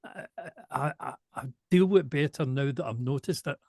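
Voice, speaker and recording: A man from Glasgow with a softened Glaswegian accent, speaking slowly and precisely in a casual interview. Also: medium pitch, no echo. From Glasgow, Scotland. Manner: slow, careful, deliberate delivery with restarts. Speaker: show presenter and singer, interviewee.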